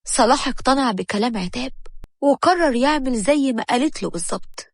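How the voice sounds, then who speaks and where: A woman's voice: high-pitched, animated, brisk, no room sound, clean studio sound. Egyptian woman narrating a story.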